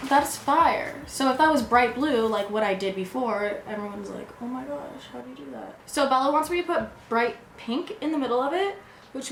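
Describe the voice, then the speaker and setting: Tipsy and giggly, a young woman talks casually as she does a makeup tutorial for her vlog. Her voice is on the high side, with a slight hiss or hum in an echoey room where music plays.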